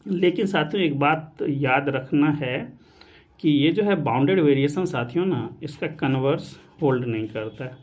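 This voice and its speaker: A man's voice: on the high side, normal speed, darkish tone. A man teaching real analysis in an online lecture, mixing English terms into his Hindi and asking the students rhetorical questions. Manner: repeatedly addresses students as "saathiyon", mixing English math terms; asks rhetorical questions then answers them. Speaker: maths teacher. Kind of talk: online exam-prep lecture.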